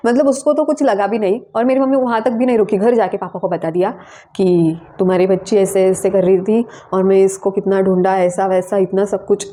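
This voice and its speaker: A young woman vlogger telling a personal story in a chatty, animated way, full of casual fillers. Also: medium pitch, a little hiss or hum.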